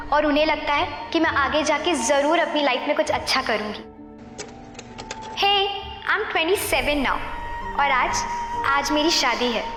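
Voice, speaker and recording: A wistful young ghost recalls her life in a high, light voice. The sound is roomy with a long reverb tail and clear music under it. The telling is slow and reflective. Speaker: narrator. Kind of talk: dramatic voice-over narration. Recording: echoey voice-over with reverb and music.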